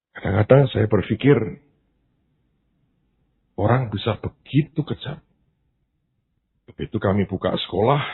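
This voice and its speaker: Give me a male pastor preaching earnestly, with a husky voice over a tinny line. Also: lowish voice. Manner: earnest storytelling, rising emphasis. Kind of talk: sermon. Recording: tinny phone-like band.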